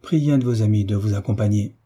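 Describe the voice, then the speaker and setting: A man's voice: lowish voice, fast, dark tone, slightly rough. A man reading a proud, ambitious nobleman in a French audiobook, with formal, tense politeness. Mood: stiffly polite.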